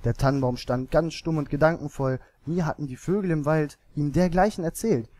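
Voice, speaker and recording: Male narrator for a fairy tale; expressive storybook read, a touch high, dry and close. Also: a little fast, no echo.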